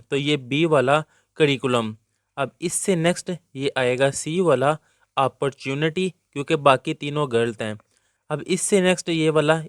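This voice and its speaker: Male teacher, fairly high voice, smooth and clear, close dry mic. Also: dry recording. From Pakistan. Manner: explains step by step, reads questions out slowly in English. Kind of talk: exam guide lesson.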